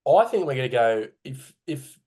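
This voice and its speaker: A man's voice: mid-range voice, very animated, normal speed, a little mellow. A man with an Australian accent co-hosting a casual sports podcast, rambling and correcting himself as he talks from home. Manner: rambling, hesitant, self-correcting. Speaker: podcast co-host. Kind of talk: casual chat. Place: home room.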